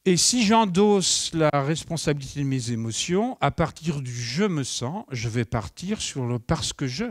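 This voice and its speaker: A middle-aged man teaches at a conference in a fairly high voice, recorded close and dry. He keeps it lively, acting out little exchanges and turning to the room with questions. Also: a little slow, no echo. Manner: lively, acts out dialogue, asks the audience questions. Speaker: nonviolent communication trainer. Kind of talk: live conference talk to an audience.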